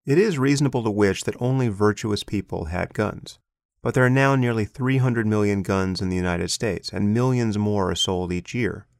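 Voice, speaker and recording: Low gravelly man reading an essay. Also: no room sound, studio quality. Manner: measured, deliberate reading with brief off-script asides. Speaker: essay reader and commentator. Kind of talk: reading an essay aloud with asides.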